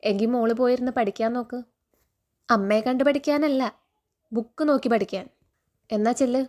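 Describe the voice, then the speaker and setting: A woman reading the lines of a stern father who scolds and teases his daughters, in a steady recounting tone. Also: fairly high pitch, normal speed, lightly acted. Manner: stern, threatening.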